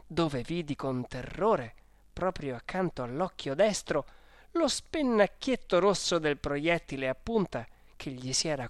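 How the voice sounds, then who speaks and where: Slow, measured audiobook reader. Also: mid-range voice, no room sound, studio quality. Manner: slow, measured, even reading. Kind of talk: storybook narration of a diary in the first person.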